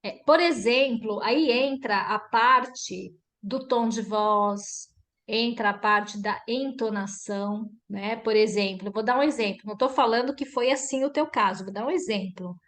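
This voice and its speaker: A woman mentoring a group online, lively and explaining with acted-out examples over a video call. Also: fairly high pitch, unhurried. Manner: lively, acts out example dialogues. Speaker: workshop mentor.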